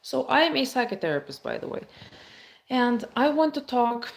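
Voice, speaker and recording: A woman's voice: a little high, sing-song, normal speed, creaky. A woman from the states, chatting casually on a phone live stream, reading viewer comments aloud and answering them. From Baltic states.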